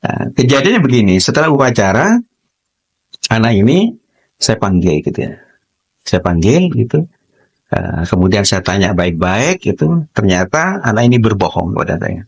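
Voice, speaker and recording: A middle-aged man, a teacher, telling a personal story on a podcast in an animated way, acting out dialogue. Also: fairly low pitch, moderate pace, gravelly, breathy edge.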